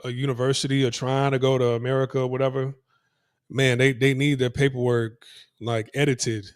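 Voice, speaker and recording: A man with a mid-range, clean-toned voice, a native English speaker, records in a dry, clean studio sound with no room echo. He's a vlogger talking casually to his viewers as he walks through city streets, rambling with lots of restarts and repeated phrases, in a walk-and-talk style aimed at the camera.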